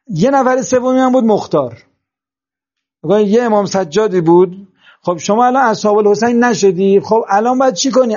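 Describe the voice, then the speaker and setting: A man preaching with fervour, firing rhetorical questions and scolding his peers. His voice sits high yet sounds mellow and warm. The recording is dull and lo-fi. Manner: passionate, reproachful, rhetorical questions. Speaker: religious speaker. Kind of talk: sermon-style religious talk.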